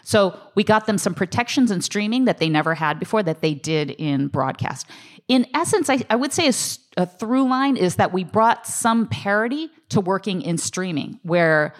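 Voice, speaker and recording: A woman's voice: medium pitch, expressive, moderate pace. A woman speaking as a writers' union representative, explaining contract points off the cuff in an emphatic, colloquial way, often checking in with the listener. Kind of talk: unscripted explanatory talk on contracts.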